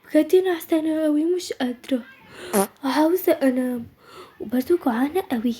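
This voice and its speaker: A woman's voice: very high-pitched, animated, fast, a bit bright. A woman voicing a frantic, dramatic schoolgirl in a doll-game role-play, full of squealing exclamations. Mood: exhausted.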